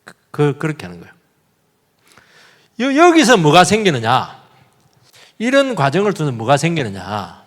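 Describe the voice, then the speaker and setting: A man's voice: fairly high pitch, huge pitch swings, normal speed, long pauses, big-room sound. A male pastor giving a sermon, talking animatedly and putting rhetorical questions to his congregation. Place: church sanctuary.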